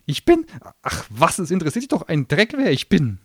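A shrill, mocking little gnome demon shoots up high and swings his pitch wildly as he sneers. His voice sits dry and close, sarcastic and quick to temper. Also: wildly swooping pitch, slightly rough, no echo, heavily acted. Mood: scornful. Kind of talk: audiobook reading.

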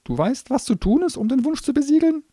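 A man voicing a sarcastic, hot-tempered little male gnome demon who grants wishes, shrill and mocking, in an audiobook reading. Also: sing-song, brisk, dark tone, no echo, clean studio sound. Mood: pedantic.

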